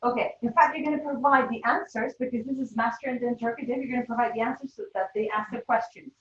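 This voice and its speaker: A woman leading teachers through a classroom game, giving quick, instructive directions and laughing often. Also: fairly high pitch, steady tone, a bit bright. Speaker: teacher trainer. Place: classroom or training room. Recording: roomy, distant, dull classroom sound.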